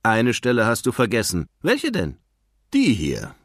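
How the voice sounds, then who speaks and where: A man's voice: mid-range voice, huge pitch swings, unhurried, slightly rough, dry recording, studio quality, voice pushed up, exaggerated voice. Marlin, a man doing a fretful father clownfish. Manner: worried, fretful. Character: anxious father clownfish, fussy and overprotective. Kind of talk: storybook reading.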